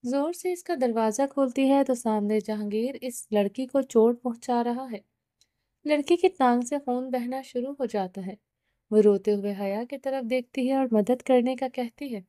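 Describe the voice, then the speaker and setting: A woman narrating a novel aloud in a steady reading voice with small restarts. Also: fairly high pitch, no echo, studio quality. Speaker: novel reader. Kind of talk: audiobook narration.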